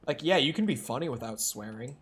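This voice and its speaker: A young man streams a horror game from home on a desk mic, chatting casually in a rambling, self-deprecating way, restarting his sentences a lot. His medium-pitched voice is husky and expressive, and he talks fairly quickly.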